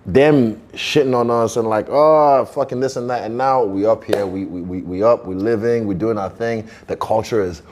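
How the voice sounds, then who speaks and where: A man co-hosting a casual chat, animated and slangy and quick to swear. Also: on the low side. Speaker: co-host.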